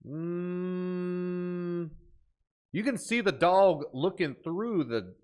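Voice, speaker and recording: A man with a high voice hosts a reaction video, speaking extremely slowly over background noise. He comments casually and dramatically on what he watches, full of animated, dramatic exclamations.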